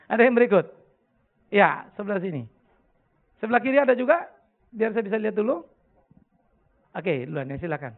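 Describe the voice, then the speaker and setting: A middle-aged man, a pastor preaching and taking questions, blunt and joking, swinging between loud outbursts and quiet confession. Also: high voice, very animated, normal speed, long pauses. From North Sumatra, Indonesia. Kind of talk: sermon with audience Q&A. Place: church hall before a congregation. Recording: tinny lo-fi phone-like recording.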